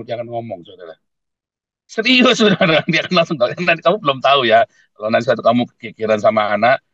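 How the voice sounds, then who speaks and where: Male pastor, mid-pitched, emphatic sermon delivery, loud peaks and quiet asides, dull dry recording. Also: no echo. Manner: blunt, emphatic preaching with sudden loud peaks and dropped asides; keeps calling listeners "saudara".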